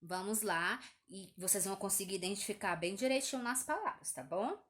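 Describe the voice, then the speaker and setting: A woman's voice: mid-range voice, animated, a bit bright. A woman teacher with a Brazilian accent, patiently going over a test in a video lesson for young pupils, checking in with "tá?" often. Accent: Brazilian Portuguese. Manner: slow, patient, uses diminutives and "tá?" checks. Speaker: primary school teacher.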